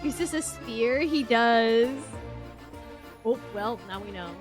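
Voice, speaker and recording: A woman streaming a game reaction, chatty and excitable, greeting her viewers as she plays. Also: a little high, slow pace, music in the background. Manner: gushing, excitable, with squeals and laughs.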